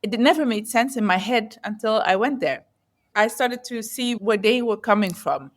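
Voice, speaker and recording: At a moderate pace and a fairly high pitch, an expressive woman raised in the Netherlands speaks as a guest entrepreneur in an interview. Her manner is earnest and reflective, and she frequently searches for words.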